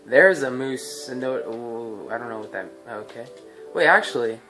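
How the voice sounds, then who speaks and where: A man's voice: mid-range voice, expressive, moderate pace, over music. A man giving chatty, joking commentary while playing a video game, thinking aloud. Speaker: gameplay commentator. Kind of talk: casual let's-play commentary.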